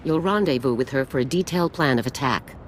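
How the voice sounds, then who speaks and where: A woman with a bass voice acts a stern middle-aged female general in scripted video game dialogue. She sounds brisk and commanding, clipped and formal, speaking fast and animatedly over a slight hiss or hum.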